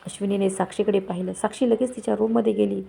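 A woman narrating a family moral story in a steady, even storytelling manner. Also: medium pitch, fast, gravelly, breathy edge.

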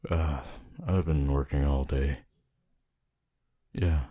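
Man voicing Hitoshi Shinsou, very deep husky flirt. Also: steady tone, dark tone, full character voice. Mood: tired, awkward. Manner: slow, halting, low-key delivery with sighs and pauses. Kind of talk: roleplay ASMR voice acting.

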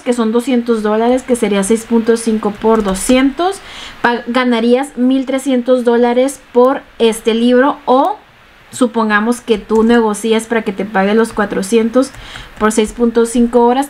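A young woman with a slightly high voice talks through a screen-share tutorial. She explains things step by step in a chatty way, full of fillers. The sound comes from a webcam mic in a small room at home. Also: darkish tone. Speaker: online tutorial host.

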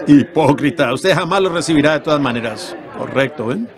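A man's voice: fairly high pitch, lively intonation, brisk, crowd noise. A man interpreting a sermon in an earnest preaching voice, often turning to the congregation with rhetorical questions. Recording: congregation noise from an old sermon tape behind the voice. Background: congregation in a church.

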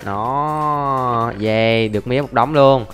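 A man's voice: mid-range voice, slow, fairly bright tone. A young man chatting casually through his gameplay, narrating every step and calling out to his viewers. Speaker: gaming YouTuber. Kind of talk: casual Let's Play commentary. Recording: faint background music.

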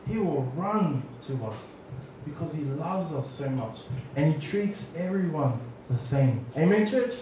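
A man in his thirties from New Zealand, preaching a storytelling sermon on a handheld mic, animated and acting out family dialogue. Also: on the high side, unhurried, a little hiss or hum. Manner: animated, acts out family dialogue with lively gestures. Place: church hall, small room. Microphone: handheld mic, far camera. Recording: echoey hall from far off.

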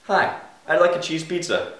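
A man's voice: on the high side, expressive, moderate pace, close to an everyday voice. A young man playing a breezy, oblivious roommate with exaggerated sitcom delivery. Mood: upbeat, clueless. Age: young adult. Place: living room and entryway of a house. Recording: roomy, echoing house with clear noise.

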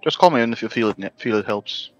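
Male co-player, fast casual delivery, asks rules questions mid-game. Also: lowish voice, expressive, lo-fi sound, soft background music. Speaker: fellow player. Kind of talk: casual multiplayer gaming chat.

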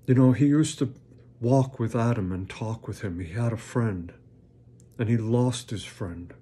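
A man's voice: medium pitch, a little slow, warm tone, a little hiss or hum. A man hosting a Bible reading, giving earnest, plain-spoken devotional commentary and reading scripture aloud.

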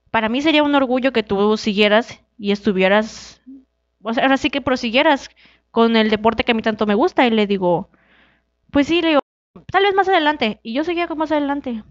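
A woman's voice: a little fast, no echo, lo-fi sound. A young woman from Mexico, a wrestler being interviewed, telling her story casually and acting out the dialogue. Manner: animated, acts out quoted dialogue with shifting pitch. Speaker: guest, wrestler.

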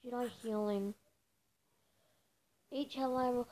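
A woman giving casual commentary over a mobile game, chatty and prone to mumbling with excitable reactions. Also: a little high, takes it slowly, rough recording. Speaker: gameplay video creator.

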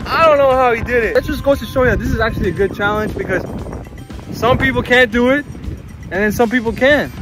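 High-pitched excitable man hosting a challenge. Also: brisk, poor audio. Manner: animated exclamations, profanity, frequent laughing. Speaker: challenge host filming strangers. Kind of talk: excited street challenge commentary. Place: outdoors in public parks. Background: music.

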